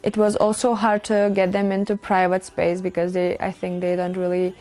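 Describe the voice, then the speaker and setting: Woman from Lithuania, volunteer nurse; mellow, reflective, hesitant talker. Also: lowish voice, completely flat delivery, normal speed, soft background music. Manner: reflective, hesitant, many fillers. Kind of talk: interview testimonial.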